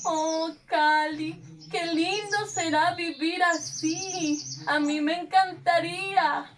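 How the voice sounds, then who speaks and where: A woman's voice: very high voice, fairly even intonation, slow pace, fairly bright tone, exaggerated voice. Woman doing weepy abandoned pet Emma. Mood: comforted. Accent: Peruvian Spanish. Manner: sobbing, whimpering delivery. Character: sad abandoned female pet, weepy and gentle. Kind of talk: children's paper puppet show. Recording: voice from a distance off the mic.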